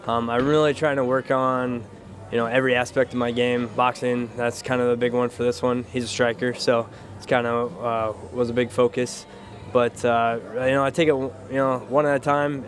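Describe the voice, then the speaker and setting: A man who is a fighter, answering interview questions casually in a modest, matter-of-fact way. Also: medium pitch. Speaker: professional MMA fighter.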